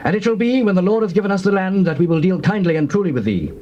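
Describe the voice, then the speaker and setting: Casting: firm young-sounding biblical spy, lightly high voice, very quick emphatic delivery. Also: male voice, expressive, warm tone, lo-fi sound, a little hiss or hum. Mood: firm, urgent. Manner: emphatic, solemn archaic speech. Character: Israelite spy, earnest, firm, oath-bound. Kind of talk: dramatized King James Bible acting.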